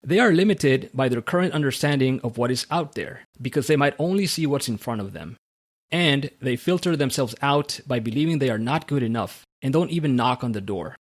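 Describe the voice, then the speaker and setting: A man from Central America, hosting a podcast in a measured, read-aloud manner. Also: mid-range voice, lively intonation. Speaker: podcast host. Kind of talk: scripted podcast monologue and interview.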